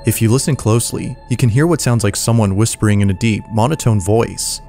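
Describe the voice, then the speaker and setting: A man with a lowish voice tells the story in a calm, measured, suspenseful tone. Faint music plays beneath his voice-over. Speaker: narrator. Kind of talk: scripted narration.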